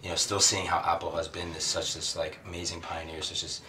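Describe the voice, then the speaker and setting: A man in casual conversation as an interviewer, halting as he searches for words. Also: sits low, flat delivery, sharp tone. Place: small sauna. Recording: distant, echoey, noisy room.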